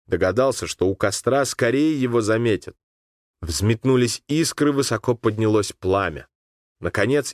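A man narrating a literary story in an expressive audiobook reading. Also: medium pitch, no room sound, studio quality.

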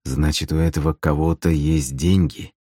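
Man as terse young assassin, quiet pressing questions, low voice, dry sound. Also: steady tone, moderate pace, husky, no echo.

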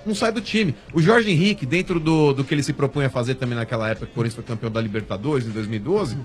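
A man's voice: medium pitch, rapid-fire, soft background music. A man with a Brazilian Portuguese accent arguing insistently in a football debate on a radio show, often cutting in to repeat his point. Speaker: sports show panelist. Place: radio studio.

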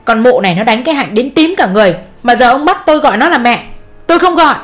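A woman voicing a defiant teenage boy who shouts through tears at his father. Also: fairly high pitch, fast talker, faint music behind, voice pushed up, close to an everyday voice. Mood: defiant tearful.

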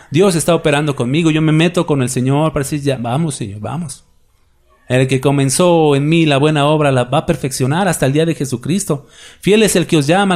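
A man's voice: mid-range voice, a little mellow. A man, preaching a sermon as pastor in a conversational way, with many rhetorical questions and repetitions, then closing in prayer.

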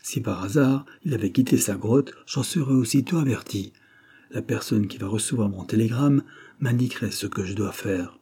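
A man's voice: lowish voice, moderate pace, warm tone, breathy edge. A man reading an audiobook, voicing a commanding, calculating countess in a raised voice. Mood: explaining coolly. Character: scheming woman, a countess.

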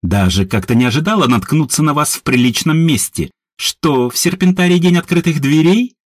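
A man voicing a cheeky, sharp-tongued young woman who mocks her rival. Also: a little high, expressive, normal speed, no room sound, clean studio sound, pitched above the performer's own voice, natural voice. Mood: mocking. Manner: mocking, brash.

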